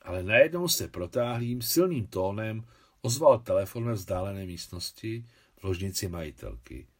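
Expressive male audiobook narrator. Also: fairly low pitch. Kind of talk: novel reading.

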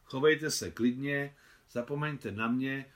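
A man reading the part of a fatherly older army officer who is a keen photographer, in a hearty, brisk manner. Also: medium pitch, voice pushed up, lightly acted. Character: older male officer, kindly veteran photographer.

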